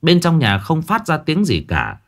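A man narrating a ghost story in an expressive, dramatic storytelling manner. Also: on the high side, unhurried. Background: faint background music.

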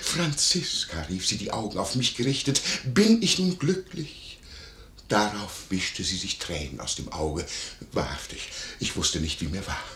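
An actor playing a nosy, wheedling innkeeper in a 1950s radio play, gossiping in a lively way. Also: male voice, low voice, normal speed, a little hiss or hum. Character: nosy, fawning male innkeeper, middle-aged. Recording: echoey 1950s radio studio.

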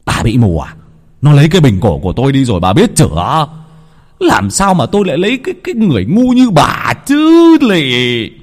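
A man voicing a hot-tempered older husband who yells and stammers abuse in a ghost story. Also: fairly low pitch, racing, hardly any pauses. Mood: raging, shouting. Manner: yelling, stammering in rage. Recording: long hall reverb.

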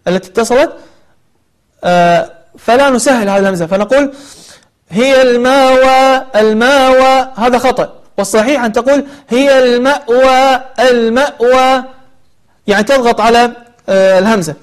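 A man teaching a tajweed lesson, explaining patiently and repeating sounds to correct pronunciation. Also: very high voice. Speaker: Quran recitation teacher.

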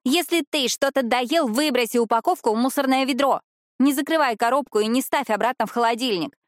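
A bratty teenage girl yelling and scolding in a high, loud voice, as a woman reader puts her on. She sounds fierce and bossy. The dry, close audiobook recording has no room sound. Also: fairly quick, no room sound, lightly acted. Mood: angry scolding. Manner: shouting, scolding.

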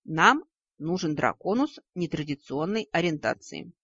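A woman voicing a polite tall male creature, flattering, courteous, dull dry recording. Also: sits low, measured pace, breathy edge, dry recording, exaggerated voice. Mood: businesslike.

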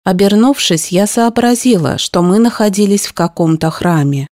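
A woman reading a first-person story aloud in a steady, even narration style. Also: mid-range voice, normal speed, no echo, studio quality. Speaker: audiobook narrator.

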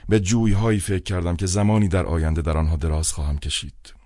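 A man reads a literary novel aloud in a measured, wry first-person manner. His voice is extremely deep. The recording is dry and close, with no room sound. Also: fairly even intonation, mellow, no room sound. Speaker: audiobook narrator. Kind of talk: literary audiobook narration.

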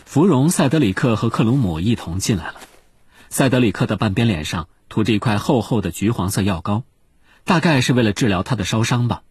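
A man narrating an audiobook with expressive storytelling. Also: lowish voice, brisk, husky, dry recording. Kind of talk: scripted narration.

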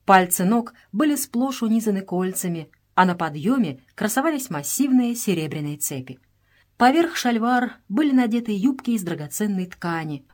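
A woman narrating a novel in a measured, expressive reading voice. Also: medium pitch.

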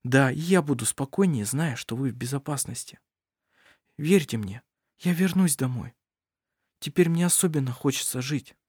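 A man reading the lines of a calm, strong-willed young woman in a hushed, steady voice, in a storybook reading. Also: mid-range voice, moderate pace, slightly rough, no echo, studio quality, lightly acted. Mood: calm resolve.

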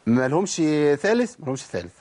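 This recorded recitation lesson features an Egyptian-accented man whose medium-pitched, darkish voice races along and swoops wildly in pitch. He teaches Quran recitation by asking his own questions, answering them, and saying words again to show letter sounds.

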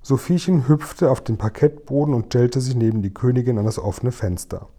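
A man reading a children's book aloud in a measured, expressive storytelling manner. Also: medium pitch.

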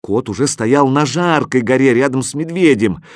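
A man narrating a children's story in the first person, with an expressive reading. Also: medium pitch, normal speed, dry recording, clean studio sound. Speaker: audiobook narrator.

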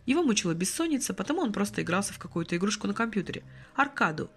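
A woman narrating a story as an audiobook, with expressive storytelling. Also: medium pitch, racing, slightly rough, soft background music.

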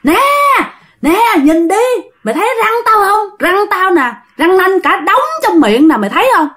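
A woman's voice: very high-pitched, expressive, normal speed, fairly bright tone, voice pushed up. A woman voicing a vengeful female ghost nearly a hundred years old who has turned into a demon, snarling threats. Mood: snarling, threatening.

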